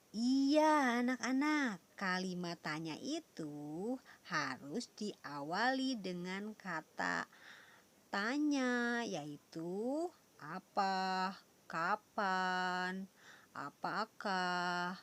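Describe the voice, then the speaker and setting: A woman's voice: fairly low pitch, animated, very slow, a bit bright. A primary school teacher, a woman, giving a recorded lesson to young children and patiently checking in with them as she explains. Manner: patient, addresses the children with tag questions.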